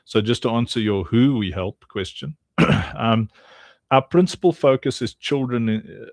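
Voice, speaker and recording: An African man appearing as an interview guest, the founder of a charity and a game, answers questions about his charity work with plenty of ums and restarts. His voice is mid-range and his pace measured. The studio recording is clean, with no room sound.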